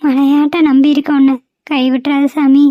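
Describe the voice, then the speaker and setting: A woman's voice: sits high, little pitch movement, normal speed, no room sound, lo-fi sound, lightly acted. A woman doing a fretful cartoon mother. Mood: anxious. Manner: fretful, pleading. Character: anxious middle-aged mother, pleading and prayerful. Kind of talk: cartoon voice acting.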